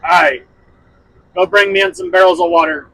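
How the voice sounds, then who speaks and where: A man's voice: high voice, steady tone, moderate pace, a bit bright, low-quality recording. A man doing a grumbling, reluctant young man.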